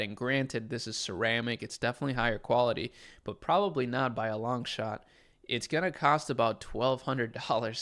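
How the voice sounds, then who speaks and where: A young adult man from Chile, casually chatting as a livestream host and answering viewers' questions. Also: medium pitch. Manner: relaxed, conversational, answers chat questions.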